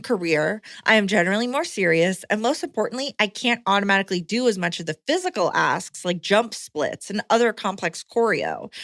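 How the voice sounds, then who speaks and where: A woman's voice: mid-range voice, fairly bright tone, no room sound, studio quality. A woman co-hosting a podcast who reads listener letters aloud and chats in a matter-of-fact way. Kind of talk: reading letters aloud, casual chat.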